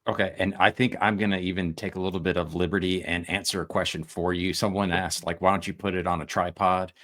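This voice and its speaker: A man hosting a casual interview over a video call, speaking in a measured, earnest way with some stumbles. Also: low voice, little pitch movement, a bit bright. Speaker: interview host, channel owner.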